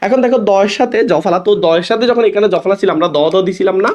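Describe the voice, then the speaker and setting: A man's voice: high-pitched, rapid-fire, a little mellow. A young man with a Bangladeshi Bengali accent teaching a class, explaining step by step and often asking his students questions. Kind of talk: classroom lecture.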